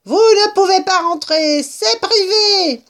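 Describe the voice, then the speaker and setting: A woman's voice: takes it slowly, fairly bright tone, full character voice. A woman voicing a small, grumpy male rat who screeches about his property. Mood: furious. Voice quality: shrill, screeching.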